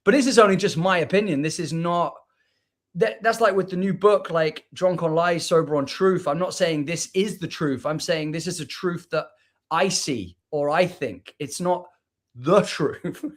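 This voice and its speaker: A man with a Liverpool accent speaks at a fairly high pitch and thinks out loud as a guest in a casual interview chat. He often repeats words and restarts his sentences, talking over a video call. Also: normal speed. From England. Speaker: guest poet.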